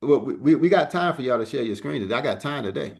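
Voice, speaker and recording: A man's voice: medium pitch, lively intonation, quick pace, darkish tone. A man teaching a casual live trading class over a video call. He talks in a loose, joking way and often repeats words as he restarts a thought. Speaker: trading instructor.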